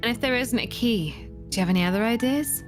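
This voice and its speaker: A woman's voice: a little high, fast talker, over music. A woman streamer chatting casually and playfully while reading game choices aloud. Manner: playful, reactive.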